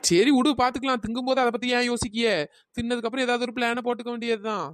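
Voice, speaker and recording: A woman doing Chinnaponnu, sly fast-talking schemer. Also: fairly high pitch, flat delivery, dry recording, clean studio sound, close to an everyday voice. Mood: scheming. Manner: brisk, sly and persuasive. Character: sly young village woman, quick-witted schemer. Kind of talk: cartoon storytelling.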